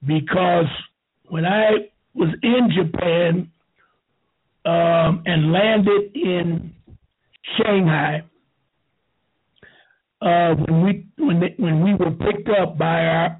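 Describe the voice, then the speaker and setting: A man in his seventies telling a rambling story slowly, with halting restarts. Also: a little high, breathy edge. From United States. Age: 70s. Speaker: show host. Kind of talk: rambling talk. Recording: tinny phone-like line.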